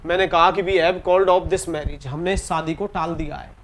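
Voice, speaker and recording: A man with an Indian English accent teaching an exam-prep grammar lesson in Hindi. He reads the English example sentences slowly and deliberately and often repeats key words. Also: on the high side, fairly even intonation, a bit bright. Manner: repeats key words and ends points with "theek hai".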